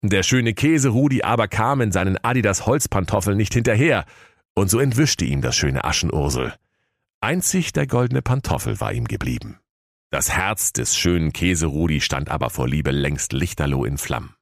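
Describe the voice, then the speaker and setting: A man narrating a comic fairy-tale parody in a playful, animated way. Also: low-pitched, normal speed, no room sound, studio quality. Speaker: storyteller.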